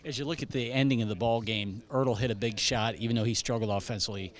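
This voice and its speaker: Brisk male sports interviewer. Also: mid-range voice, fairly even intonation. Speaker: sideline interviewer. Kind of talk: post-game interview questions.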